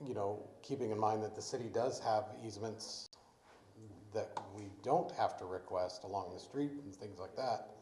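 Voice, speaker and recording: A man at a city committee meeting, explaining matters loudly and at length. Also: lowish voice, normal speed. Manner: speaks loudly over background noise, explanatory. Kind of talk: public meeting discussion. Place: council meeting room. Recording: echoey meeting room.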